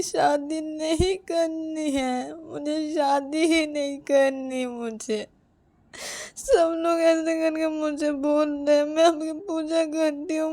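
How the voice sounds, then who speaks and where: A woman's voice: medium pitch, dark tone, close to an everyday voice. A woman voicing a tearful young woman devotee who refuses to marry, pleading and repeating herself.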